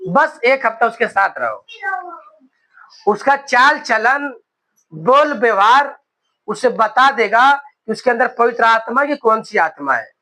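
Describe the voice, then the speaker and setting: A young male preacher in his twenties with a very high, bright and forceful voice. He delivers a sermon, calls out hallelujah again and again, and drags out key words for emphasis. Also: poor audio. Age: 20s. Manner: exclaims hallelujah often, slows for emphasis.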